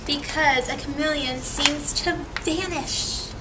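In a small indoor room, a seated young woman reads a picture book to kids at a slow pace, her voice sitting high, and asks them questions as a teacher would. The recording comes from a camera a few metres away in a clearly noisy room.

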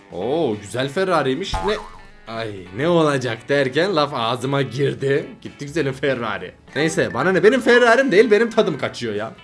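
A man's voice: a little high, fairly bright tone. A young man giving casual reaction commentary on videos, exasperated and laughing often.

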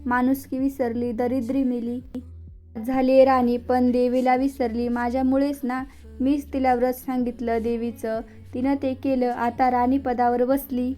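A woman voicing a bitter old beggar woman, a goddess in disguise, in a storybook tale, scolding in a flat, mellow tone. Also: high voice, unhurried, soft background music.

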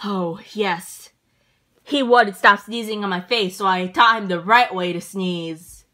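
A woman's voice: medium pitch, measured pace, background noise, pitched below the performer's own voice, natural voice. A woman voicing a brash, impatient teenage boy who scolds and coaches his sneezing friend in a plush toy comedy skit. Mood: instructive. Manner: exasperated scolding, casual slang.

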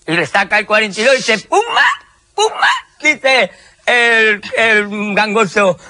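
A man telling jokes among friends in a rowdy, laughing way, shouting the punchlines. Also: high-pitched, measured pace. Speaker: joke teller.

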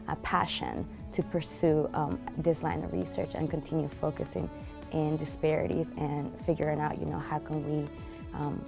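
A woman's voice: low-pitched, gravelly, darkish tone. A young woman from Peru, a graduate student speaking earnestly in an interview with many fillers. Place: library room. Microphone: lapel.

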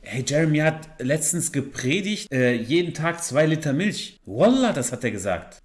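Animated man reacting, exasperated. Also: fairly high pitch, normal speed, a little hiss or hum. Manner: exasperated, animated, swears and laughs. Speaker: streamer reacting to a video. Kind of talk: reaction commentary.

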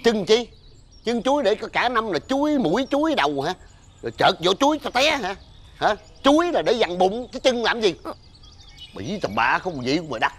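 An actor playing an irritable, superstitious older father, scolding loudly in a TV sitcom. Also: a little high, big pitch swings, fast. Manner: scolding, blustering, loud rants. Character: irritable superstitious old father, Tết-obsessed. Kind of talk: TV sitcom acting.

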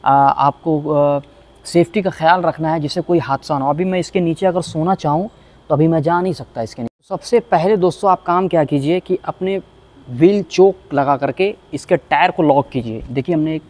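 A man's voice: a little high, darkish tone. A man teaching a workshop safety lesson as an auto technician, earnest and pleading, often repeating himself. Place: car workshop.

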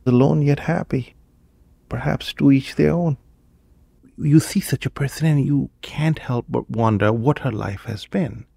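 A man's voice: medium pitch, a little slow, creaky, warm tone, breathy edge. A man who works at a hotel, talking thoughtfully in an interview. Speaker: hotel employee. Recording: music bed under the voice.

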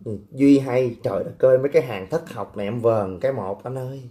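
Brash male livestream host, mellow warm tone, teasing and coarse. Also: medium pitch, a little fast. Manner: brash, teasing, coarse banter with blunt street slang. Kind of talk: casual livestream chat reading viewer comments.

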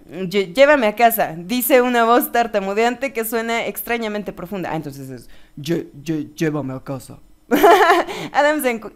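A woman's voice: fairly high pitch, smooth. A woman gives playful, giggly let's-play commentary, reading game text aloud and often correcting herself. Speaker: gaming video host.

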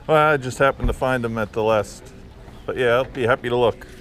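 Wearing a body camera at an outdoor flea market, a man vlogs as he shops, chatting easily and bargaining with sellers in a mid-range, fairly bright voice at a fairly quick pace. Outdoor noise fills the background.

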